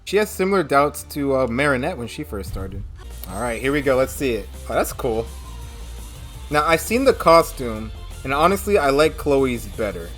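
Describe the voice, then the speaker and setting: A woman giving casual, expressive reaction commentary as the host of a video, often exclaiming. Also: a bass voice, normal speed, faint music behind.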